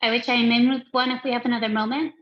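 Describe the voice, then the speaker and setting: A woman's voice: a little high, flat delivery, fast. A woman from a lending institution asking an earnest, careful question in an online panel. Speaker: audience member from a lending institution. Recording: dull echoey online call audio.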